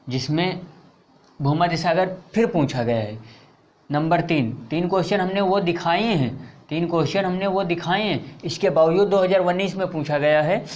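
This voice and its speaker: A man teaching an exam-preparation lesson, reading out answer options word by word and repeating key terms several times, dropping his voice on them. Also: fairly high pitch. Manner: reads out options slowly, word by word. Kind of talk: slow exam-prep lesson.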